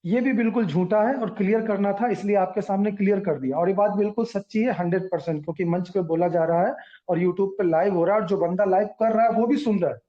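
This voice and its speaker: A man's voice: sits high, fast talker, dark tone, muffled recording. A man speaking earnestly at a community meeting, explaining points at length and reassuring listeners, in a repetitive way.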